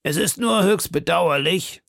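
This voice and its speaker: Bold musketeer captain, defiant, raised pitch, gravelly, dry close sound, read by a man. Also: unhurried, a bit bright, no echo, heavily acted. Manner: bold, insistent, raised declaiming voice. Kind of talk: audiobook character voice.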